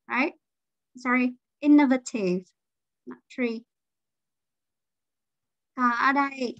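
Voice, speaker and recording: A woman's voice: high-pitched, no echo, muffled recording. A woman teacher leading an online class, explaining vocabulary and patiently drilling pronunciation. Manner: drills pronunciation, mixes English terms into explanations.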